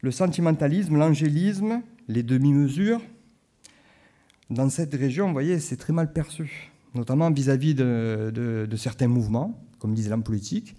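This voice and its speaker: A man's voice: mid-range voice, moderate pace, dark tone. A man from Marseille with a Marseille accent, giving a conference talk in a conversational way and making frequent asides to the audience. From Marseille, France. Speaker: conference speaker. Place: conference hall.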